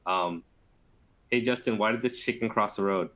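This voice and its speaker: A man co-presenting a webinar in a flat, monotone delivery, pausing often with "um" and "uh.". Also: on the low side. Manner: self-described monotone, hesitant with many fillers.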